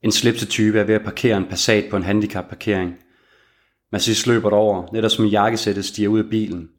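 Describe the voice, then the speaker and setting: A man narrating a thriller audiobook in a steady, measured way. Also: fairly low pitch.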